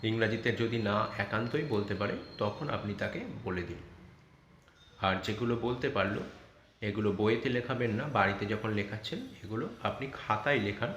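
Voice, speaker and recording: A man's voice: fairly low pitch, normal speed, a bit bright. Patient Bengali man explaining spelling. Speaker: teacher advising parents. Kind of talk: online lesson guidance for parents and tutors. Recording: echoey room with faint background noise.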